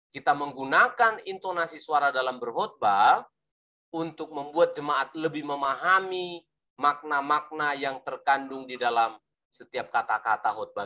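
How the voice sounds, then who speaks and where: A man's voice: on the high side, bright, forceful tone. A man teaching how to preach, speaking emphatically and demonstrating rising and falling intonation with playful teasing asides. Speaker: preaching instructor. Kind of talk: teaching lesson on sermon delivery.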